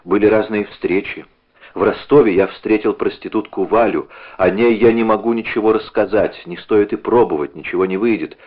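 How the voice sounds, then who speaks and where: A man voicing a tormented young man bent on revenge, confessing in halting, intense bursts. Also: fairly low pitch, lightly acted. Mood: brooding. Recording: narrow phone-like audio.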